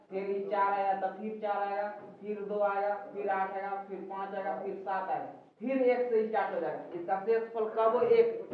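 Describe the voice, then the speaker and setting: A man teaching maths to pupils at a board, explaining each step and checking in often. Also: high-pitched. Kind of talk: classroom lesson at a board. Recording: echoey, distant, dull with faint noise.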